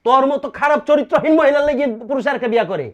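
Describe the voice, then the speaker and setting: A man's voice: very high-pitched, rapid-fire, muffled recording. A man playing a stammering, flustered husband. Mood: defiant. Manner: stammering, pleading then defiant. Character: flustered older husband caught with a second wife. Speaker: actor in a comedy skit. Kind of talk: amateur comic drama acting.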